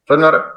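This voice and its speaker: A man's voice: sharp tone, poor audio. A man with an Indian accent giving a classroom lecture, explaining with playful back-and-forth dialogue and frequent checks that students follow. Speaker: teacher.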